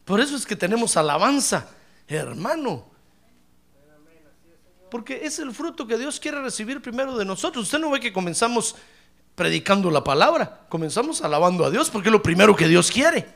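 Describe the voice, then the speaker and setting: A man preaching a sermon to his congregation, addressing them directly and breaking into loud shouted praise. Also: sits high, big pitch swings, normal speed, gravelly.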